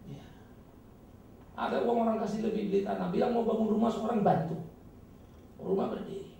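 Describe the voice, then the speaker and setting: A male pastor giving an emphatic, dramatic sermon with sudden loud, high bursts, recorded from a distance in a church hall. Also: a little fast. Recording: echoey hall, distant mic, faint noise.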